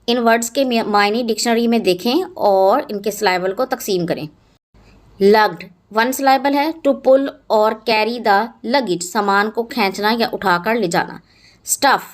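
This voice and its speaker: A woman teaches a textbook lesson at a slow, measured pace. Her voice sits a little high. She reads English lines deliberately and spells out words letter by letter. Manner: reads English lines very slowly, explains fast in Urdu.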